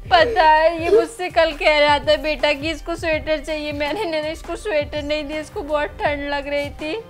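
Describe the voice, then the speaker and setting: A woman playing a careless scolding mother, high voice. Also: fairly even intonation, normal speed, soft background music, close to an everyday voice. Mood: grieving. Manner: scolding, shrill when shouting. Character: lazy careless young mother, scolding her children. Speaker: actress in a family skit. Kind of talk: home-made family drama acting.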